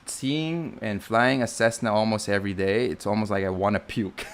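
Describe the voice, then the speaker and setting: His voice is fairly low, smooth and fairly even in intonation, at normal speed. A young flight instructor with a Filipino accent from the Philippines, he talks chattily through a live Q&A stream, rambling, self-correcting and using many fillers.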